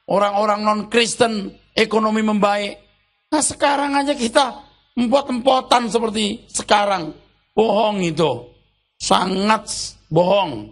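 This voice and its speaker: A man's voice: sits high, a bit bright. A man pastor preaching a sermon in a loose, colloquial way, tossing rhetorical questions at the congregation.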